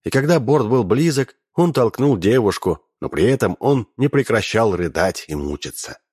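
A man narrating an audiobook, reading with lively energy and raising his voice for the characters' shouts. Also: mid-range voice, moderate pace, breathy edge, no room sound, studio quality.

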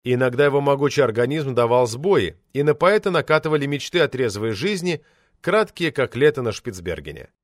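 Expressive, ironic male audiobook narrator. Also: mid-range voice, fairly quick, dry recording, clean studio sound. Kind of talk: first-person novel narration.

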